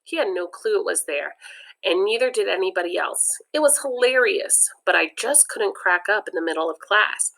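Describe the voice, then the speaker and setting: A woman with a medium-pitched, animated voice, slightly bright and creaky, reads a children's comic book aloud at a normal pace. She's chatty and keeps stopping between passages to drop in her own personal comments.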